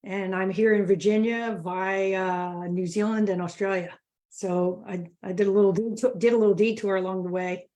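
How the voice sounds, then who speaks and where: A woman's voice: mid-range voice, steady tone, moderate pace, dark tone. A woman from New Jersey, a guest coach in an interview, speaking in a friendly, reflective way. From United States, New Jersey. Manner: friendly, reflective, laughs easily. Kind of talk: casual interview chat.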